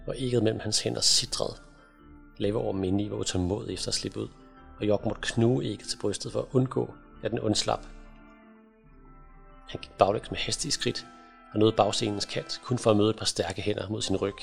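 A man reads a children's fantasy novel aloud in a measured, dramatic way. His voice sits low with a gravelly, fry-laced texture. Soft music plays faintly behind him. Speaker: audiobook narrator. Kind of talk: scripted fantasy narration.

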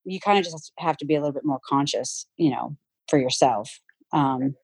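Boston-accented woman, low and chatty. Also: normal speed, breathy edge, no room sound. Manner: chatty, lots of fillers and animated retelling. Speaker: guest. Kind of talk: casual chat.

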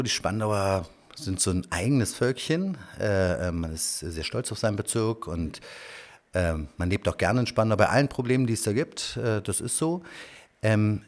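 A man's voice: fairly low pitch, lively intonation, normal speed. A man from Berlin answering as a political candidate in an interview, telling anecdotes with frequent filler sounds.

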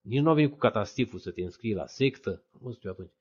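A Romanian man telling his own conversion story as a testimony, acting out the voices of friends and others with sudden high, loud bursts. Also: lively intonation, breathy edge. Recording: dull lo-fi recording.

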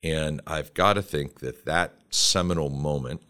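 A man hosting a podcast interview, speaking in a measured, formal, preacherly way. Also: extremely low pitch, pushed and bright, smooth. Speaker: podcast host.

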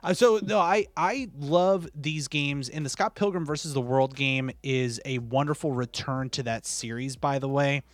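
A man's voice: mid-range voice, moderate pace, hardly any pauses, no echo. A man hosting a casual podcast chat, talking in an upbeat, enthusiastic and jokey way. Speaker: podcast host.

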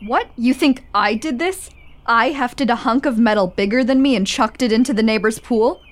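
A woman's voice: a little high, moderate pace, natural voice. A woman playing a jittery, sarcastic kid in an audio drama, flustered and defensive. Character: jittery, evasive, sarcastic kid called Tink.

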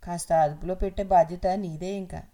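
A woman voicing an elderly grandfather who gives soft, resigned advice in an audio novel. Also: lowish voice, steady tone, brisk, lightly acted. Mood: consoling.

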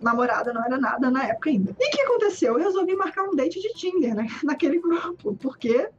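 A woman with a high voice and a Brazilian Portuguese accent tells a story as a podcast guest. She is animated and pokes fun at herself. The sound is dull and a little lo-fi. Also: fast talker, soft background music. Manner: animated, self-mocking, laughs often. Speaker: podcast guest, comics artist. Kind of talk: casual storytelling.

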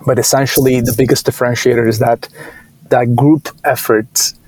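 A man's voice: medium pitch, flat delivery, normal speed, a little mellow, breathy edge, no room sound, low-quality recording. A man from Turkey with a Turkish accent, a founder being interviewed, talking casually with frequent fillers and restarts. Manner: hesitant, many fillers and restarts. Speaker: startup founder, guest.

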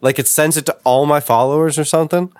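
A man co-hosting a casual podcast chat, relaxed and profane, often laughing. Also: fairly high pitch, fast, smooth, dry recording, clean studio sound. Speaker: podcast co-host.

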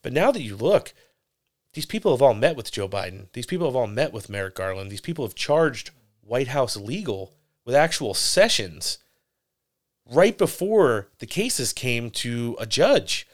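A man's voice: mid-range voice, very animated, unhurried. A man co-hosting a podcast, giving brash, opinionated political commentary and swearing freely. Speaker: podcast co-host.

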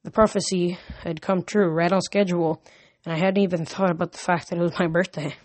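A man's voice: high-pitched, steady tone, a little fast, no room sound. Young man casually reading a novel aloud. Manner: casual, a little rambling in asides. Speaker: reader of a novel.

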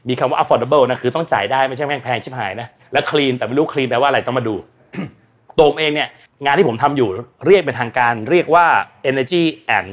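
Blunt, slangy Thai man explaining. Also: medium pitch. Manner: blunt, slangy and animated, acts out quoted voices. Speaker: guest expert on energy and climate. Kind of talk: casual explanatory talk.

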